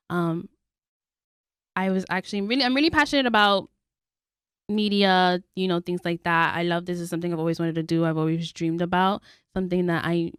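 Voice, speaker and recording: Young woman from the Bronx, smooth voice. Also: lowish voice, no echo, clean studio sound. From Bronx, New York. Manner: laughs often, says "like" a lot. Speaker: podcast co-host. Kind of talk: casual chat.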